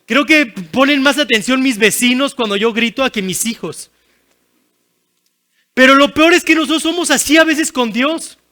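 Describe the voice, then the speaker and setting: A man with a very high, pushed, bright voice speaks at a normal speed. He is preaching as a guest pastor, earnest and pleading, repeating phrases and adding bits of self-deprecating humor.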